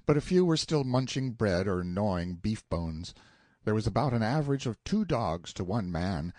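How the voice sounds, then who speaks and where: With a fairly low, slightly husky voice, a man narrates an audiobook of a literary novel. He tells the story in a measured, expressive way, captured as clean studio sound without echo.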